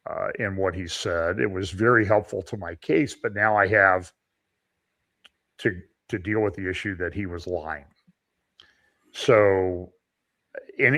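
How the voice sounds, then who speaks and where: A man who is a lawyer, hosting a conversation and telling stories in a measured, skeptical way. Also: on the low side, a bit bright. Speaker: host and lawyer. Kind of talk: conversational commentary.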